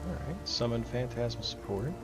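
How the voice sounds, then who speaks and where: A man's voice: medium pitch, animated, normal speed, over music. A man streaming a video game, chatting casually and laughing easily with his friends. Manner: easygoing, laughs often. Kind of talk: casual gaming chat.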